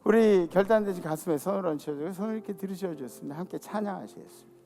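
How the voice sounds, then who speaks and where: A middle-aged man gives a lively church sermon, his voice sitting fairly high and breaking into a gravelly fry. He keeps prompting the congregation for answers and then sinks into soft, low asides. Gentle music plays behind him. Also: rapid-fire. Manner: lively preaching, calls for audience response. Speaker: senior pastor. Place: church sanctuary.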